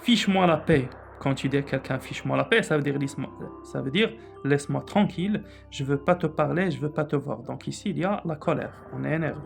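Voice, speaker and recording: A man teaching a grammar lesson from a workbook, repeating key points slowly and reading out examples before explaining them. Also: fairly high pitch, creaky, soft background music. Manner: reads out example sentences, then explains them.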